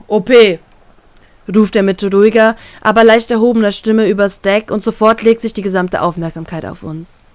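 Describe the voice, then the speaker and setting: A woman narrating a first-person fan-fiction story in a calm, even storytelling way. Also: medium pitch, no echo. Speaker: reader, narrator.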